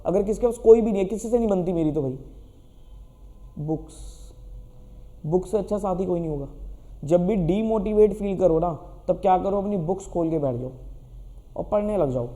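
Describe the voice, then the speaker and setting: A man's voice: high voice, moderate pace, long pauses, warm tone, in a large hall. A man teaching students, giving a direct motivational talk in which he asks questions and answers them himself.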